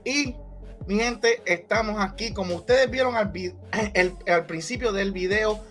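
A man hosting a casual boxing commentary vlog, talking in a lively, hyped way and repeating catchphrases. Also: high voice, a little slow, soft background music.

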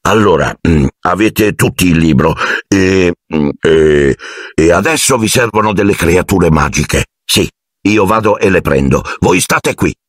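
Brief: a man playing a big gentle giant teacher, deep and husky, booming but halting. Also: big pitch swings, dry recording, clean studio sound, full character voice. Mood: hesitant. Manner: booming yet hesitant, with halting fillers.

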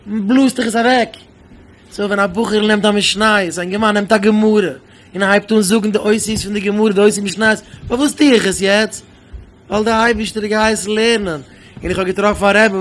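A man's voice: high-pitched, moderate pace, slight background noise. A man speaking as a rabbi in an impassioned sermon, pressing his point with repeated rhetorical questions.

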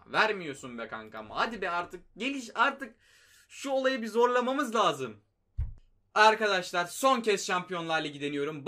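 Bright-voiced young man pleading at his game. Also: high voice. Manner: pleading and exasperated with the game, talking to viewers. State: hoarse. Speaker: mobile game YouTuber. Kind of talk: casual gameplay commentary.

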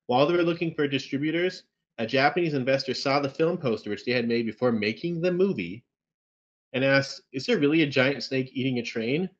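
Man, sarcastic, dry humor, mid pitch, casual review chat, slightly muffled video call. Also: brisk. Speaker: podcast co-host reviewing films.

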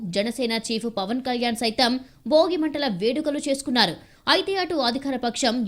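A woman reading a news voice-over with a punchy, dramatic delivery. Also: on the high side. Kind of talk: scripted news narration. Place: studio voice-over.

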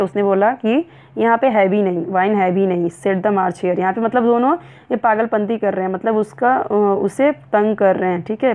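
A woman teacher, reading English lines slowly and then explaining them in Hindi. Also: medium pitch, mellow, low-quality recording.

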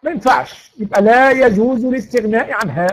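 Egyptian guy teaching tajweed online, really high voice, asks then answers himself, recites slow. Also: low-quality recording. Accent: Egyptian Arabic. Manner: explains patiently, asks and answers his own questions, recites verses slowly. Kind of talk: online lecture.

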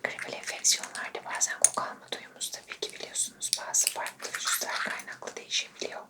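Whispery woman doing a doctor roleplay, slow gentle instructions, a bit off mic. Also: far from the mic. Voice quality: soft whispering. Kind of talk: ASMR medical exam roleplay.

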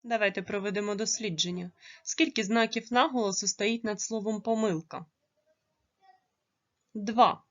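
A woman teacher giving a primary school lesson, pronouncing words slowly and carefully. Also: mid-range voice, highs cut off. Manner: slow, careful pronunciation when modelling words.

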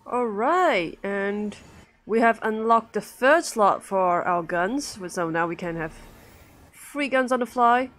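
A woman's voice: medium pitch, animated, slow pace, a bit bright. Chatty woman commenting on her gameplay. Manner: chatty, thinking aloud while playing. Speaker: gamer, let's play host.

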